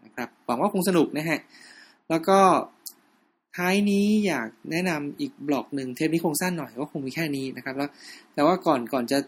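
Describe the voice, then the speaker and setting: A man hosting a podcast, wrapping up an episode in a relaxed, informal way. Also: a little high, fairly quick. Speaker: podcast host. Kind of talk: podcast outro.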